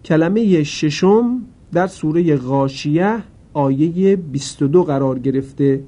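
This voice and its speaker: A man gives a Quran reading lesson. His voice is mellow and sits a bit high, and he explains slowly and carefully. Now and then he chants a single word, drawn out and louder. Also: expressive. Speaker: Quran recitation teacher.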